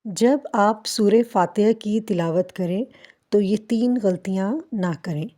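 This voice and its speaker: A woman teaches recitation in a mellow, warm voice of middle pitch. She explains carefully and slows down to demonstrate each phrase. Her delivery stays patient and instructive.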